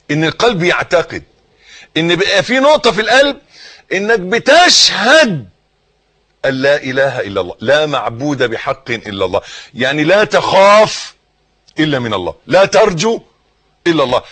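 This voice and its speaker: A man with an Egyptian accent preaching a sermon, teaching by repeating phrases and putting questions to his listeners, rising to emphatic bursts and then sinking to hushed words. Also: fairly high pitch, big pitch swings, normal speed, long pauses, slightly rough. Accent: Egyptian Arabic. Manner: swings between raised emphasis and soft, hushed phrases.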